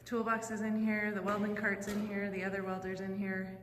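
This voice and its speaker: A woman talks casually as a vlog host, chatty and informal as she thinks out loud. Her voice echoes through a large workshop with long reverb, and clear background noise sits behind her. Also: medium pitch, monotone, fairly quick. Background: loud ambient noise.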